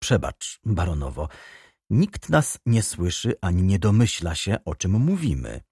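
A man reading the part of a stern former journalist turned prosecutor in an audiobook, measured and quietly accusing. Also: sits low, huge pitch swings, creaky, slightly rough, no echo, studio quality, exaggerated voice. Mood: earnest.

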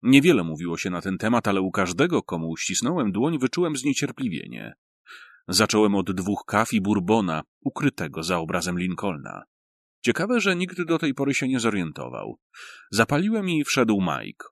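A man's voice: fairly low pitch, huge pitch swings, moderate pace, vocal fry, no room sound. A man reading a first-person audiobook story in a wry, storytelling manner. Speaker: audiobook reader.

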